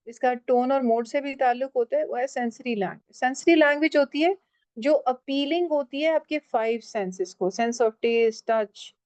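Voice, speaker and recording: A woman's voice: fairly high pitch, a little mellow, no room sound. A woman teaching a writing class, explaining step by step and often checking in with her students. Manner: switches often into English phrases. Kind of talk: online class lecture.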